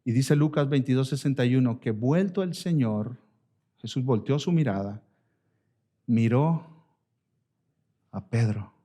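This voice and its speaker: A male pastor preaching a sermon, swinging from emphatic high lines down to hushed, slow ones and calling his listeners brothers. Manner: rises to emphatic highs, then drops to hushed, slow lines; addresses listeners as brother and sisters.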